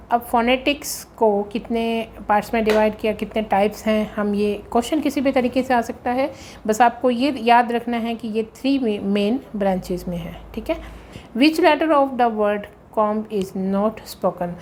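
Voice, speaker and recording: A woman's voice: on the high side, unhurried, a little mellow. A woman teacher works through exam questions at a patient pace, repeating key points and reading out the terms. There is a faint hum under the recording. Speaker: English grammar teacher. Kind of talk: exam-prep lesson explaining questions.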